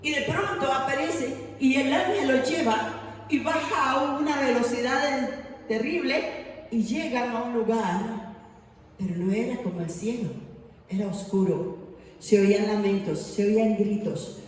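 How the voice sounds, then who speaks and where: A woman's voice: on the high side, a little slow, far from the mic. A woman preacher giving a sermon. She tells stories, acts out the quoted voices and asks the congregation questions. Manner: storytelling, acting out quoted voices, rhetorical questions. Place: church hall. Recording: echoey hall, voice from afar, faint noise.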